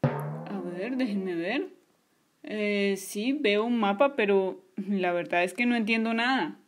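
A tired, skeptical policeman , as a woman puts him on, mumbling slowly and doubtfully. The voice is pushed lower than her own. He is a weary officer in a toy story. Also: faint music behind, close to an everyday voice.

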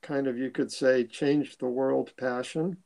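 Gravelly older man, earnest guest. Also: mid-range voice, fairly even intonation, a little slow, noisy background. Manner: earnest, repeats words when starting sentences. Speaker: guest, musician. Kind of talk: casual interview chat.

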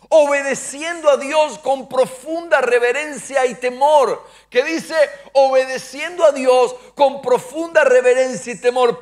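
In a church sanctuary, a pastor preaches a sermon in a strikingly high-pitched voice. He uses call-and-response, asking the congregation to repeat after him and to stand up, and acts out short dialogues as he tells his stories.

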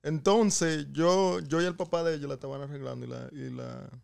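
A man on a podcast slowly recounting how things went, in a relaxed way. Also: on the high side, gravelly, clean tone. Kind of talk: casual podcast chat.

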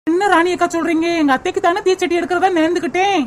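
A woman with a southern Tamil Nadu accent voices a coaxing daughter-in-law in a cartoon comedy. Her voice is very high and soothing, with noise clearly heard behind it. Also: fairly even intonation, quick pace. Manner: coaxing and soothing, drawing out chants. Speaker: cartoon voice artist.

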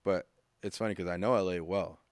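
A man's voice: low-pitched, steady tone, brisk, no echo. A man in his thirties, a music producer guest on a studio podcast, talking casually with restarts and acted-out quotes. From United States. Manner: laid-back, rambling with restarts and acted-out quotes. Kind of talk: casual interview chat. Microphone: studio mic with headphones.

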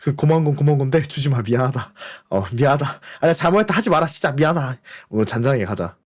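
A man chatting live with his viewers in playful, teasing banter. His pitch swings widely as he fakes threats and then blurts out rapid strings of apologies. The talk stays casual and full of quick repeated words. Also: lively intonation. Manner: fast repetitive interjections. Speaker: live streamer.

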